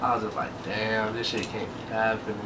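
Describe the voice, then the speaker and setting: A man's voice: fairly low pitch, brisk. Laid-back young man, distant mic. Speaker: vlog co-host. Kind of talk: casual Q&A chat. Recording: distant mic with steady background noise.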